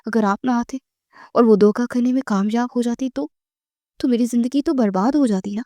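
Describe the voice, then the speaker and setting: A woman's voice: fairly high pitch, mellow, no echo, clean studio sound, lightly acted. A woman voicing a shaken young woman who speaks in a tearful, pleading way.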